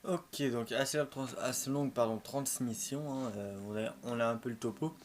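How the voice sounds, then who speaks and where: A man's voice: medium pitch, moderate pace. A man giving casual let's-play commentary as a gaming video host, rambling and often repeating or correcting himself. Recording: clearly noisy home recording.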